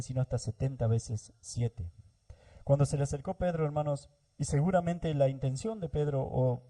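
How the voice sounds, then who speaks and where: A pastor from Argentina preaches a sermon in church, repeatedly addressing the congregation and saying amen often. His voice is medium-pitched and dark.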